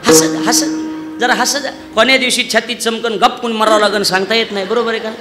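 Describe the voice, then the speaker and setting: A man preaching a comic devotional sermon on stage, loudly acting out the voices of villagers in his stories. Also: high-pitched, brisk, music in the background. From Maharashtra, India. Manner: loud, animated storytelling, acting out villagers' voices. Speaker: kirtan preacher.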